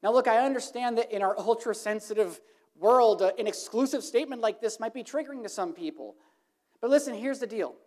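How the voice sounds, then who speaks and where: A woman preaching an evangelistic sermon, earnest, swinging from emphatic lines to hushed, soft ones. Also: fairly high pitch, brisk.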